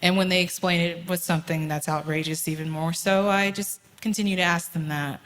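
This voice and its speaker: A woman on a panel, expressive and laughing often as she tells anecdotes. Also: on the low side, brisk.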